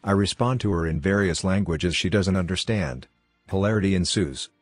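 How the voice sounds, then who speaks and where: A man reading a story in first person with a plain, even delivery. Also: deep voice, moderate pace, no room sound. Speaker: story narrator. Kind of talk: scripted story narration. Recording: dry close voice, faint background music.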